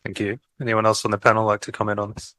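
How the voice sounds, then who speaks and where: A man moderating a panel, briskly and politely passing the floor to speakers. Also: on the low side, monotone, a bit bright, no echo. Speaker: session facilitator.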